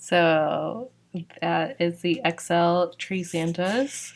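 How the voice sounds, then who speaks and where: A young woman from Georgia draws out her words as she casually presents her sticker shop's new releases. Her voice is on the low side and slightly worn, and she chats freely with fillers like "like" and "um."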